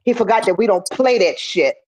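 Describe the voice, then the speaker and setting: A woman's voice: mid-range voice, animated, brisk, a little mellow, poor audio. A woman hosting a livestream podcast, blunt, profane and mocking in her talk. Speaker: livestream host. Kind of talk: heated livestream discussion.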